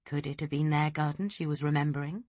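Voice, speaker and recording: A woman narrating a thriller audiobook in a steady, unhurried way. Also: low voice, no echo. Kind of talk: scripted narration.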